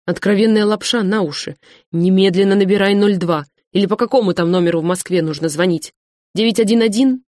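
A woman's voice: mid-range voice, a little fast, no echo, studio quality, natural voice. Woman voicing an indignant old woman. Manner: forceful, scornful retorts. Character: elderly woman, blunt and indignant.

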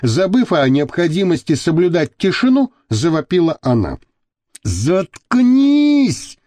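A man narrating an audiobook in an expressive storytelling manner. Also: a little high, normal speed, no room sound, studio quality. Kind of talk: audiobook reading.

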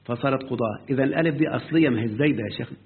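This grammar lesson comes from a man with an Egyptian Arabic accent whose medium-pitched voice has a breathy edge. He keeps asking his student questions while explaining and draws out what he quotes, heard over a tinny, phone-like lo-fi recording.

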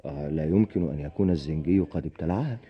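An actor with an Egyptian accent playing a bitter, desperate young husband in a radio drama, at times shouting in rage. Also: male voice, a bass voice, very fast, breathy edge. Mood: consoling. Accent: Egyptian Arabic. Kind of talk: 1990s radio drama acting. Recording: dull lo-fi radio recording.

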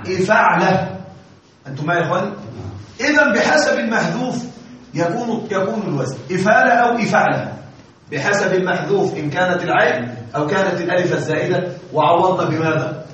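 A man lectures on grammar in a classroom and keeps throwing questions at his students. His voice sits high for a man and carries strong room echo. The recording is dull and lo-fi, with faint hiss behind it. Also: fairly bright tone, distant mic. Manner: repeatedly quizzes students, pausing for answers. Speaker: Arabic grammar teacher.

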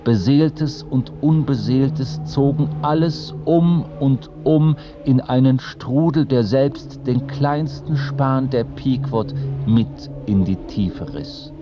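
A man narrating a radio play as a solemn sailor, the lone survivor, in a measured storytelling manner. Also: mid-range voice, over music, lightly acted.

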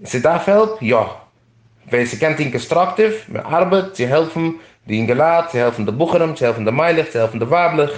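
A man's voice: a little high, animated, fairly quick, echoey room. A man giving an impassioned monologue about his community, emphatic, mixing German with English words.

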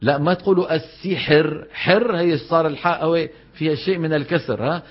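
A man's voice: on the high side, brisk, slightly rough. A man teaching Quran recitation in a classroom lesson, acting out right and wrong pronunciations and quizzing his students. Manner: demonstrates correct and faulty pronunciations, quizzes students. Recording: dull lo-fi lecture recording.

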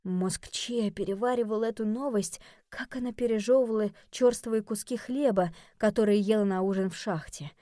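A woman reading a children's audiobook in an even, clear storytelling manner into a close mic. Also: medium pitch, moderate pace, few pauses, no room sound. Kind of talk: scripted audiobook narration.

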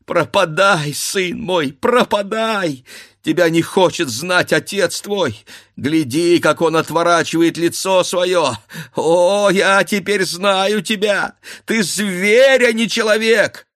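A desperate young Cossack wife cries out in raised, high, anguished pleas, as a man reading a storybook puts her on. Her lines come loud and accusing, heaped one on another. The sound is dry and close. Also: no echo. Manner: anguished, pleading, accusing outbursts. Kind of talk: dramatic audiobook reading.

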